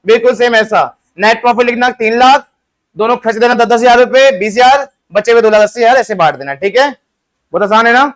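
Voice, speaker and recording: Man, accounting teacher, very high voice, coaxing classroom questions. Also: a little fast, a bit bright. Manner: coaxing, asks students questions and answers them; mixes English accounting terms and numbers into his talk. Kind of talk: classroom lesson.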